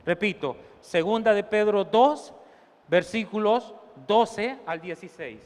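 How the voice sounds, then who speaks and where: Male pastor, sermon, high voice, slow delivery, long church reverb. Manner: animated preaching, acts out scenes and laughs at his own jokes.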